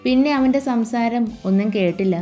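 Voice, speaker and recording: A woman reading a romance novel aloud as a storyteller in a soft, even manner. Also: fairly high pitch, moderate pace, faint music behind. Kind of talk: scripted romance novel narration.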